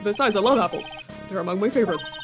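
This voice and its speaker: A woman's voice: mid-range voice, fast. A woman hosting a let's-play, reading game dialogue aloud and commenting in a dry, casual way. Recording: music playing behind the voice.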